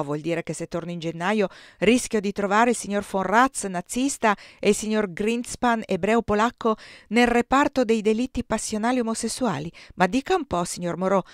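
A sharp young man with a dry, ironic edge, read by a woman in her own voice. The sound is close and dry. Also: medium pitch, no echo, natural voice.

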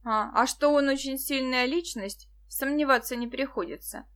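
Excitable teenage boy as read by a woman, bright and eager. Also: high voice, normal speed.

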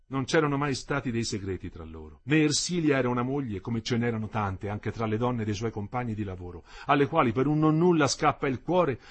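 A man narrating a novel aloud in a steady literary reading, voicing the dialogue as he goes. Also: medium pitch, husky.

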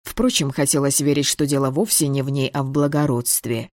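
An audiobook reader giving steady, measured first-person fantasy narration. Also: medium pitch, no echo, clean studio sound.

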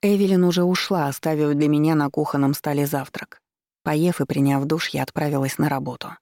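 Brief: woman narrator for a first-person novel, even and measured, a touch of vocal fry. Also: low voice, dry recording, studio quality. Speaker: audiobook narrator.

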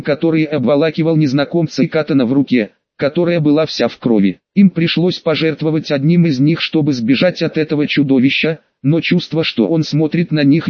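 A man reading a fan-fiction audiobook aloud in a steady, matter-of-fact storytelling manner. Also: fairly high pitch, no echo, highs cut off. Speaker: audiobook reader. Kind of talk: scripted first-person narration.

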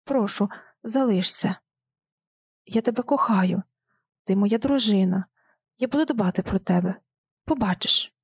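A woman's voice: medium pitch, measured pace, long pauses, slightly rough, no room sound. A woman reading the lines of an overworked husband in an audiobook, with a rising, pleading delivery. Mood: soothing.

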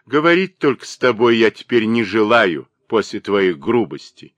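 A man voicing a spiteful, gossiping old spinster woman with a shrill, mocking manner in an audiobook. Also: big pitch swings, moderate pace, no room sound.

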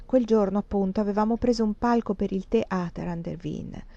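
Woman, novel reading, expressive storytelling, lo-fi sound, dry room. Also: mid-range voice, normal speed, no room sound. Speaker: reader. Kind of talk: literary audiobook narration.

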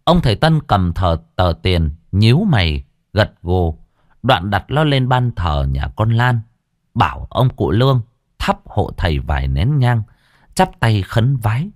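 A male storyteller narrates in a measured, expressive way, his fairly low voice rising and falling widely. The recording is dry and close, with no room sound. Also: dry recording.

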